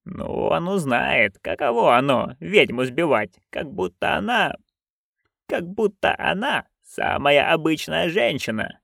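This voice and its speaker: A man voicing a proud, hot-tempered old witch woman who hisses and growls her words slowly. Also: expressive, gravelly, a bit bright, no room sound, clean studio sound, full character voice. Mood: seething. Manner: hissing, growling, slow and low.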